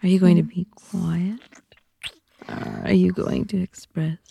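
A woman speaking slowly in a teasing, often whispered voice for an intimate audio roleplay. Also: fairly low pitch, fairly even intonation, vocal fry, mellow, husky. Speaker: audio content narrator.

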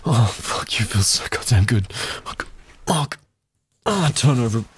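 This man's husky, expressive voice moves at normal speed with no room sound as he acts out an adult audio roleplay. His low, intimate delivery is dominant and taunting, punctuated by heavy breathing and muttered exclamations.

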